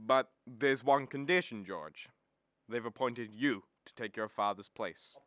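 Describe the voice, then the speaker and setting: Young man as earnest doctor on a board, insistent, measured pace, close dry sound, radio drama. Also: mid-range voice, fairly bright tone, no echo, lightly acted. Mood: urgent. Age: young adult. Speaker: student actor.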